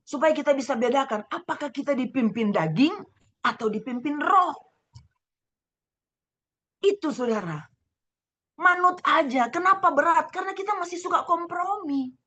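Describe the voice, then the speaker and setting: A middle-aged woman pastor from Manado with a Manado Indonesian accent, preaching a sermon over a video call, fervent and swinging between loud exclaiming and hushed asides. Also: high-pitched, animated, normal speed, pauses often. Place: home room, husband preaching next door.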